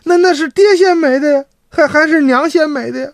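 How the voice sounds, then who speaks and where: A man's voice: very high voice, level tone, unhurried, mellow, no room sound, voice pushed up. A man doing a stammering, flustered sister. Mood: anxious. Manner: stammering, anxious questioning. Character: flustered older sister, shocked and tearful.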